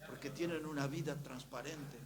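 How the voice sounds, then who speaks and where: A man preaching a Baptist sermon, emphatic, moving between quiet asides and loud, rising passages. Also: on the high side, fairly even intonation, moderate pace, very noisy.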